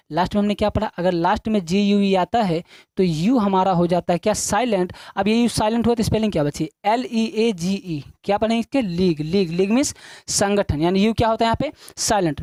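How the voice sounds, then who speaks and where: A medium-pitched woman with a darkish tone, no room sound around her, teaches English in a classroom-style video. She keeps asking questions and supplying the answers, repeating each point as a drill for students she calls children.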